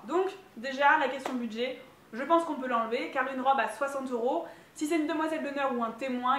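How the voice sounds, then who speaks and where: High-voiced woman giving wedding tips. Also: fairly bright tone, roomy sound. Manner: upbeat, direct to camera. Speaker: wedding planner. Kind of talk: wedding advice tutorial.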